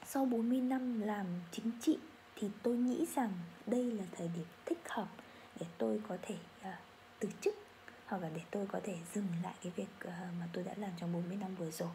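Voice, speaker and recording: A woman with a Vietnamese accent teaching English pronunciation, saying model phrases slowly for learners to repeat. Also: mid-range voice, warm tone, a little hiss or hum. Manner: slow, drawn-out model phrases for repetition. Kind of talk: pronunciation lesson.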